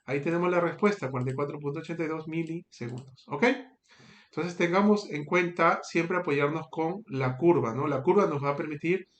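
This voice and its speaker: A man's voice: a little high, brisk, reverberant. A man teaching a statistics lesson, walking through each step patiently and checking in with frequent tag questions. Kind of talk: screen-recorded tutorial.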